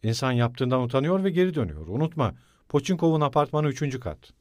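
Loud scolding young guy, hot-headed but loyal, a man reading it out in a dry close audiobook voice, middle pitch. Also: big pitch swings, fast, no echo, lightly acted. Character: hot-tempered loyal young male friend, blustering.

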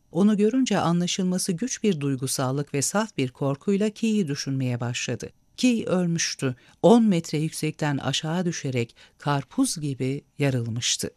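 A man narrating a story aloud with an expressive, measured reading. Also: on the high side, dry recording, studio quality.

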